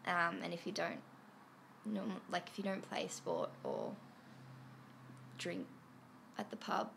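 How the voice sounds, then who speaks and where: A woman's voice: on the low side, wildly swooping pitch, slow pace, gravelly, background noise. A woman with a nasal voice, a guest musician in a casual chat, easygoing and thinking aloud as she talks.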